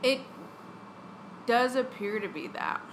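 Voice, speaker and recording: A woman's voice: on the high side, lively intonation, slow, background noise. A woman chatting casually while watching a movie, laughing often and trailing off with "I don't know.". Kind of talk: casual chat.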